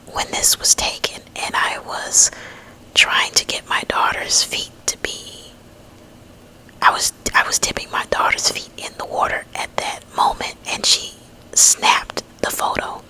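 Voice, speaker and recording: A woman rambling gently in a breathy ASMR whisper, lingering on drawn-out words. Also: rough recording. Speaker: ASMR host.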